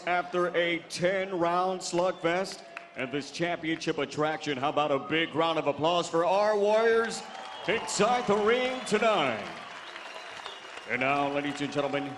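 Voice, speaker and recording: Guy doing big slow lucha libre style ring announcing, highish voice, echoey arena, loud crowd. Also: background noise. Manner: drawn-out, booming delivery. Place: boxing ring in a casino resort arena. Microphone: announcer's microphone over PA.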